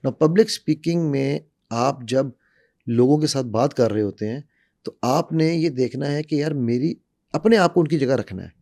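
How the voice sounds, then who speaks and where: A man in middle age lays out how to speak in public, teaching patiently through demonstrations and repeated examples. His voice is mellow and dark, recorded dry and close with no room sound. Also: medium pitch, normal speed, no echo. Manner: demonstrative, uses repetition and acted examples. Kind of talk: animated explanatory talk.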